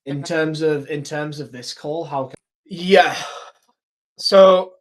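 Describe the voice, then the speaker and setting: A British man with a fairly high-pitched voice speaks slowly over crowd noise on a rough recording. He's a sales closer going back over one of his old calls, giving casual commentary and sales talk. His manner is informal and slangy, with plenty of "like" and "mate" as he walks through his technique.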